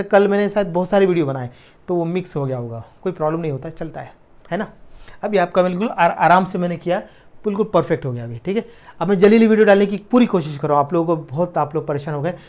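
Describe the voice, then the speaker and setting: A man's voice: high-pitched, a little mellow. Chemistry teacher, man. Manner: repeats key terms slowly, asks students "clear?". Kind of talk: casual classroom lecture.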